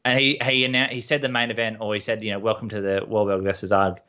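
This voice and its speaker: Relaxed man, muffled sound. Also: on the low side, quick pace, clean tone. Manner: relaxed, repeats himself. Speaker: guest. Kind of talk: casual chat.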